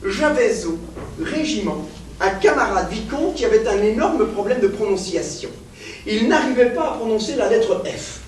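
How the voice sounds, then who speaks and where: A grandiose, pedantic professor, played by a man on stage, declaiming with sweeping swings in his rather high voice. He sounds like he is far from the mic in a very echoey theater. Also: expressive, normal speed, a little hiss or hum. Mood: pompous lecturing. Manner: declamatory, insistently repeats "mademoiselle". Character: pedantic male professor, grandiose, increasingly frenzied. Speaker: stage actor. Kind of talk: stage play performance.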